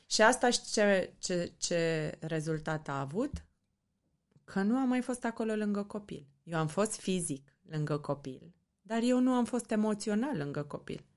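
Low gravelly-voiced Romanian woman. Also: darkish tone. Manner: earnest, reflective, emphatic. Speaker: guest, mother and founder of a mothers' community. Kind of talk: candid interview talk.

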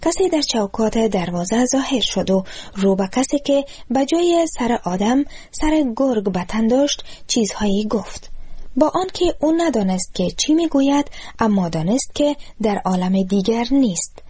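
Husky woman reading a story in Dari. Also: on the high side. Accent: Afghan Dari. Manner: calm, measured reading. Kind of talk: storybook narration.

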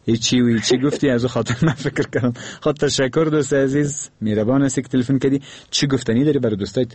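Polite Afghan Dari-speaking radio host. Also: male voice, mid-range voice, fairly even intonation, darkish tone, breathy edge, no room sound. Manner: polite, unhurried and courteous with callers. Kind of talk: radio call-in hosting.

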